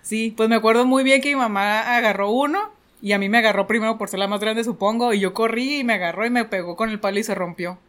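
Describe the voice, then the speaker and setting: A woman's voice: on the high side, fast, few pauses, a bit bright. Mexican woman, casual co-host, chatty laughing storyteller. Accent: Mexican Spanish. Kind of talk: casual chat.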